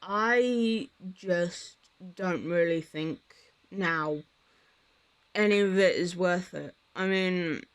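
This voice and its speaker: Slow, rambling, self-deprecating woman VTuber. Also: on the low side, clean tone. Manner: hesitant, many fillers and restarts. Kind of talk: casual vlog commentary.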